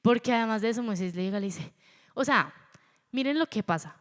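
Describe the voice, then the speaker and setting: A woman with a Colombian accent preaching a sermon, animated and acting out the voices she quotes. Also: a little high, brisk. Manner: animated, acts out quoted voices, stutters for effect. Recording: long hall reverb.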